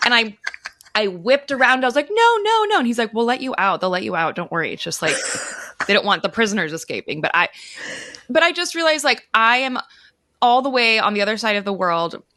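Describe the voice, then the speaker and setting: A travel writer appearing as a podcast guest tells stories casually and emphatically, acting out what people said. Her voice is on the high side, bright and forceful, with big pitch swings and a slightly fast pace. The studio-quality recording has no echo.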